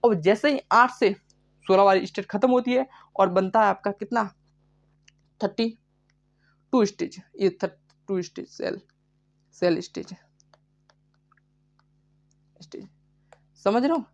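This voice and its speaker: A man's voice: sits high, measured pace, vocal fry, long pauses, lo-fi sound. A male biology teacher in a live online class, talking in a chatty way. He keeps asking the class questions and then answers them himself, repeating each key term several times. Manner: chatty, addresses students as bhai.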